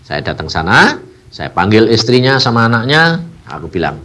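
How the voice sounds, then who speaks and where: A man preaching a sermon and telling a personal story, moving between hushed and loud passages and acting out the people in it. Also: on the low side, sing-song, normal speed. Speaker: evangelist preacher.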